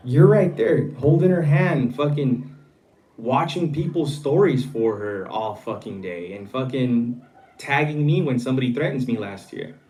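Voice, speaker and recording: A man hosting a podcast, delivering a heated, profane rant and mocking others in a low voice. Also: mellow, poor audio. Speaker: podcast host. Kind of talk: profane ranting monologue.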